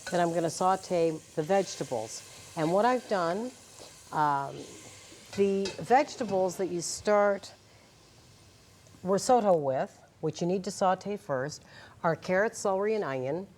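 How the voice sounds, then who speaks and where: Woman, guest cook, lowish voice, encouraging, pan sizzling behind. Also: animated, measured pace, darkish tone, a little hiss or hum. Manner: encouraging, explains as she works. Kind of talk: cooking demonstration. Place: TV studio kitchen.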